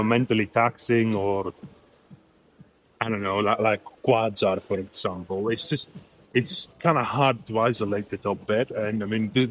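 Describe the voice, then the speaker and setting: A man's voice: medium pitch, a little hiss or hum. A young man giving blunt, rambling gym coaching in a casual vlog, sometimes out of breath between sets. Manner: blunt, instructive, rambling with restarts. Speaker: fitness vlogger. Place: indoor gym.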